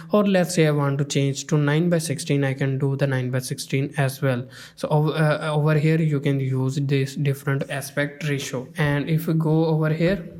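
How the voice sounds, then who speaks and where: A man walks through a screen-recorded software tutorial one step at a time. His voice sits a little high for a man and stays flat, with little rise or fall. He leans on frequent "uh" and "you can say" as he clicks through each step.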